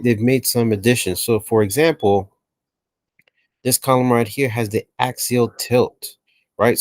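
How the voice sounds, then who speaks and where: A man's voice: medium pitch, no room sound. Man teaching in casual tag-question style. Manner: conversational, frequent "okay" and "right" checks. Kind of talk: explainer lesson narration.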